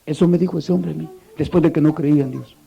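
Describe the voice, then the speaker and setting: A man's voice: on the high side, fairly even intonation, fast, gravelly, husky, highs cut off. A man preaching a sermon, asking the congregation rhetorical questions and telling a story with passion.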